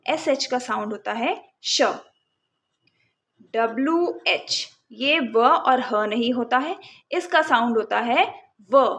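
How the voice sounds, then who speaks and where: A woman teaching phonics, breaking words into separate sounds and then blending them, in a calm lesson. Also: sits high. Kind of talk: slow, sound-by-sound phonics lesson in Hindi-English mix.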